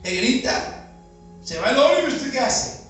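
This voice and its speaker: A man with a very high, slightly bright voice and wide pitch swings preaches at a measured pace in Uruguayan Spanish, hurling rhetorical questions at his congregation. It's recorded outdoors in a neighborhood, sounding echoey and distant with faint music.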